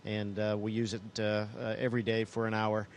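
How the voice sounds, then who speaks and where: A man's voice: on the low side, completely flat delivery, brisk. A man, an astronaut, answering questions over a space-to-ground radio link. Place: inside a space station. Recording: noisy space radio downlink.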